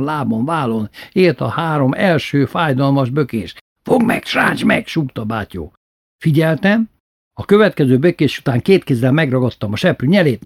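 A man's voice: mid-range voice, darkish tone, slightly rough, dry recording. A man recounting a childhood memory in a dry, wry, matter-of-fact storytelling manner. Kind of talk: recited childhood memoir.

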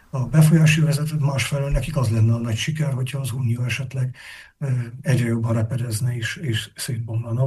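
A male analyst with a warm, darker voice and a faintly husky edge. He answers at length in a measured, explanatory way, stopping often to think aloud. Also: medium pitch. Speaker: political analyst guest. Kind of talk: interview answers.

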